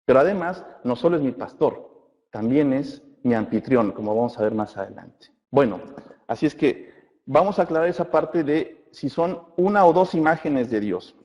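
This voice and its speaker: A man's voice: medium pitch, lively intonation, dark tone. Male Bible class teacher, checks in with his listeners, long reverb, dull lo-fi sound. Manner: addresses listeners as brothers, asks checking questions; reads scripture aloud slowly. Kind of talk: church Bible class lecture. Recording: muffled recording in a reverberant hall.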